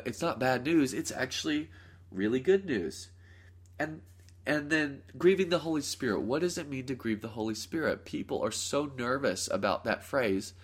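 A man's voice: medium pitch, fairly bright tone, husky. A man hosting a solo podcast, a bit under the weather with a nasal, congested voice, teaching in a casual, rambling way with frequent self-corrections. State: congested from a cold. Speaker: podcast host. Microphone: close podcast mic.

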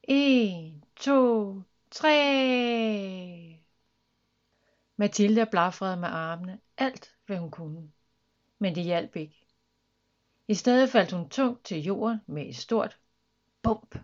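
A woman reading a children's story aloud with lively, expressive narration. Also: on the low side, lo-fi sound.

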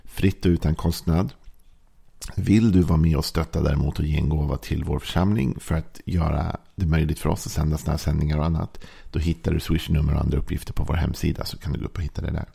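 A man gives a quiet devotional talk as pastor, reading a psalm and musing on it in an unhurried way. His voice sits very low, with a gravelly fry and a husky edge. The tone is dark and mellow throughout. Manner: calm, reflective, with frequent fillers. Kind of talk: devotional sermon with scripture reading.

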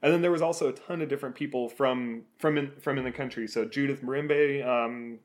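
A man from Oregon co-hosting a podcast, chatting in a relaxed, rambling way with restarts. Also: medium pitch, fairly quick. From Oregon, USA. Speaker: podcast co-host. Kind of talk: casual chat.

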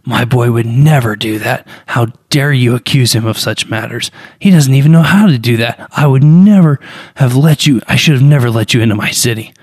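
A man's voice: medium pitch, moderate pace, breathy edge, no echo, studio quality, natural voice. A man voicing a vengeful, grieving older male city leader who speaks harshly and hisses threats. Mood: furious. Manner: harsh, accusing, hissing threats.

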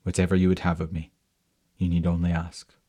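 A storyteller voicing a kind, generous male chieftain in a gentle, welcoming way, deep and husky. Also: monotone, a little fast.

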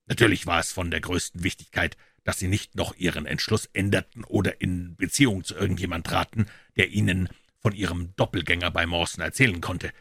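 Brief: a man as a brisk, impatient detective explaining, very low and husky, dry close mic. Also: fairly even intonation, a bit bright, dry recording, heavily acted. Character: brilliant male detective, impatient and confident.

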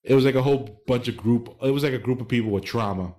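A man's voice: mid-range voice, fast, a little mellow. A man co-hosting a podcast, explaining his views at length in casual chat with fillers. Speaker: podcast co-host.

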